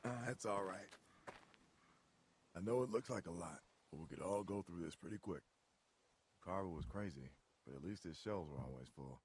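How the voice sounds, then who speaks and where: An actor playing a big, gruff male survivor in a video game, speaking in a deadpan way. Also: deep voice, normal speed, pauses often.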